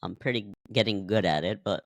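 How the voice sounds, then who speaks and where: Friendly low-voiced man from Nepal. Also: fairly quick, vocal fry, fairly bright tone, dry recording. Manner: friendly, laughs often, hesitant phrasing. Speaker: podcast host. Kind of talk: casual interview conversation.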